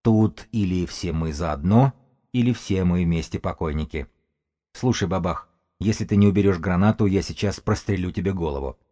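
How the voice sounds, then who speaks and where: A man voicing a small, wiry, sharp-minded male runner who argues insistently and cuttingly. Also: low-pitched, moderate pace. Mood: angry.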